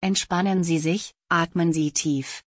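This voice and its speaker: A woman calmly reading out scripted instructions for a guided relaxation exercise. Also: lowish voice, no room sound, clean studio sound. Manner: calm, slow, repetitive prompts.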